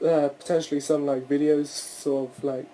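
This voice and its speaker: A man's voice: a little high, little pitch movement, moderate pace, mellow, slight background noise, rough recording. A young man hosting a casual solo podcast, rambling through his thoughts with frequent restarts and the odd swear word. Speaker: podcast host.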